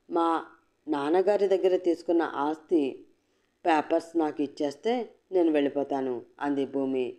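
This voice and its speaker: A woman's voice: lowish voice, dark tone, lightly acted. A woman voicing a defiant young woman who speaks firmly and mockingly. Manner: cutting, mocking, firm. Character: defiant young woman, sharp-tongued and unbowed. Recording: dull lo-fi recording.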